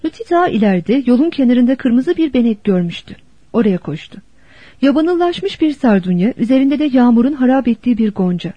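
A woman narrating a novel as an audiobook in a steady, expressive storytelling manner. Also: a little high, brisk, husky, dry recording. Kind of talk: scripted narration. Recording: dull dry lo-fi recording.

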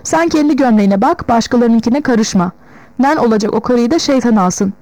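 A bossy old village tailor barks orders and snaps at his helper, as a woman reader puts him on. The voice stays mellow and dark, in a plain audiobook telling. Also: on the high side, lively intonation, a little fast, no room sound, natural voice, poor audio. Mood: snapping. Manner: bossy, snapping. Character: gruff scolding old male village tailor. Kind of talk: audiobook reading.

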